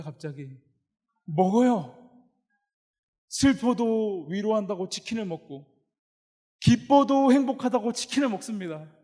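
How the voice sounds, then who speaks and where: A man's voice: high-pitched, long reverb tail. A male pastor preaching a sermon, telling the story with humor and speaking straight to the congregation. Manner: lively, joking storyteller who addresses the congregation.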